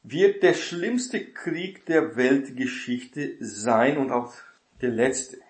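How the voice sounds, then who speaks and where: A man teaching a Bible study in a casual lecture style, often adding a quick tag question to check that listeners follow. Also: mid-range voice, lively intonation, roomy sound.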